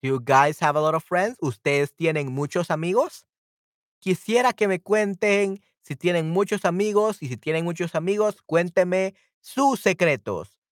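A man's voice: high voice, no echo, studio quality. A man teaching a live online Spanish lesson, reacting to viewers' comments by name and repeating his explanations in English. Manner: slows down and stretches out example words.

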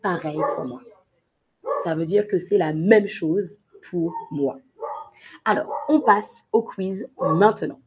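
A woman teaching a live online vocabulary lesson, slowly repeating each word and example for learners and greeting viewers by name. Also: fairly low pitch, background noise. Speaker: French teacher.

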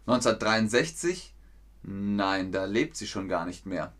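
A man teaching an online German lesson to learners, speaking slowly and clearly, repeating words and quizzing his viewers. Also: on the low side. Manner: lively, with quiz questions to viewers.

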